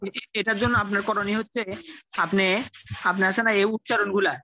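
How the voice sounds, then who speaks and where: A man teaching Quran recitation in an online class, speaking colloquially, often repeating himself and sounding out syllables slowly. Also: high voice, fairly even intonation, gravelly, sharp tone, lo-fi sound, slight background noise.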